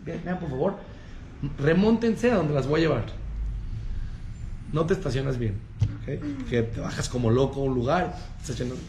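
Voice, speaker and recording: A rabbi, giving a lively talk to an audience and acting out the people he quotes in changing voices. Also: fairly high pitch, moderate pace, pauses often. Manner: acts out quoted people in shifting voices, addresses audience directly. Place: room with a live audience. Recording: echoey room with faint ambient noise.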